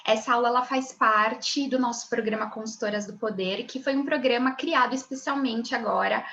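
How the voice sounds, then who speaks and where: A woman's voice: fairly high pitch, normal speed, fairly bright tone. A woman, teaching an online image consulting class over a video call. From Brazil. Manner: friendly greeting of students, then lecturing. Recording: dull lo-fi video call audio.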